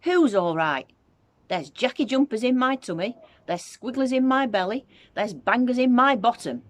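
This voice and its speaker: A woman reading a children's storybook, voicing a cantankerous, wild old grandmother who yells excitably. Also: fairly high pitch, normal speed, dry recording, voice pushed up, natural voice. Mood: outraged yelling. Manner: yelling, excitable, exclamatory.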